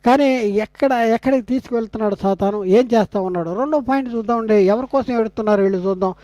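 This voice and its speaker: An older man from India teaching a Bible class as a sermon, firing rhetorical questions, repeating phrases and slowing down to quote scripture. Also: high voice, dark tone, dry recording. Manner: slows down when quoting scripture.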